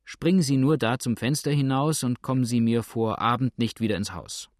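A man voicing a calm, shrewd innkeeper who speaks in a dry, matter-of-fact way. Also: medium pitch, normal speed, dry recording, lightly acted. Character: calm, shrewd male innkeeper, dryly indifferent.

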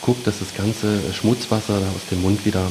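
A man, a dentist, gently explaining his tools to a child in simple, reassuring words. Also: fairly low pitch, steady tone, moderate pace, background noise.

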